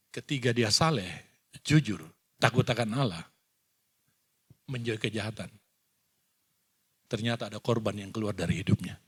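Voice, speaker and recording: A male pastor preaching a sermon, retelling scripture with animated acted-out dialogue. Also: on the low side, breathy edge. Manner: animated storytelling, acts out dialogue. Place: church hall.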